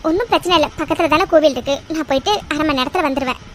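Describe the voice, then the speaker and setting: A woman doing a shrill, tearful cartoon mother, with faint hiss behind her. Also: racing, close to an everyday voice, poor audio. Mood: calm. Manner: emotional, pleading delivery. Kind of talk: cartoon dubbing. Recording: faint background noise.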